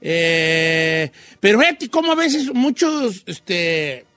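A man with a Mexican accent chatting casually and joking while reading out comments, often mimicking singers' shouts. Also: high voice, very animated, slow, dry recording. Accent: Mexican Spanish. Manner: jokey, imitates singers' shouts. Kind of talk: casual chat.

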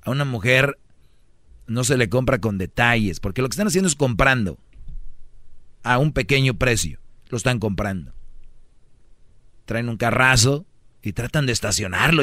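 Dry-voiced Mexican radio host. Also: male voice, medium pitch, fairly bright tone, no echo. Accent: Mexican Spanish. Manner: joking, preachy, full of rhetorical questions. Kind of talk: comic advice monologue.

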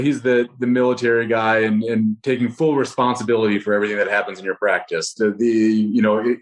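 A man answers as a podcast guest in casual conversation. His voice has a middling pitch. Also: poor audio. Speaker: podcast guest, dental professional. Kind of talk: casual interview talk.

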